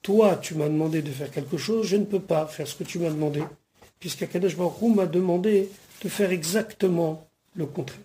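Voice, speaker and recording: Warm-voiced man teaching Torah verses. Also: fairly high pitch, fairly quick. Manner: reads Hebrew phrases, then translates and explains them in French; patient, explanatory, dwells on grammar points. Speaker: rabbi teaching the weekly Torah portion. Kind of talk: verse-by-verse Torah study lesson.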